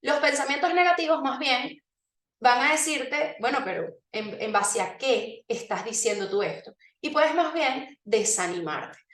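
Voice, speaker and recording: A high-pitched woman leads a live motivational workshop. She talks straight to the audience and keeps them engaged with exercises and frequent check-ins. The recording is roomy and echoey, and her voice comes from a distance. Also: expressive, measured pace, a bit bright. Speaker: workshop presenter.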